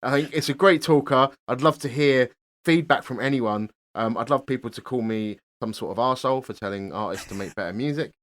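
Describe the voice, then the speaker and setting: A man hosting a podcast, talking in a relaxed, halting way. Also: medium pitch. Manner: relaxed, hesitant with many ums and restarts. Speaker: podcast host. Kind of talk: casual podcast chat.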